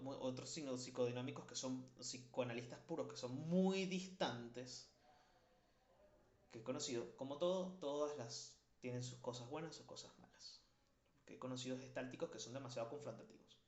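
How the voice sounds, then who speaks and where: Candid man lecturing in an echoey room. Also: mid-range voice. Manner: candid, conversational, frequent self-corrections and restarts. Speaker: psychology lecturer. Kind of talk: spoken class lecture. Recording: roomy, dull lo-fi recording.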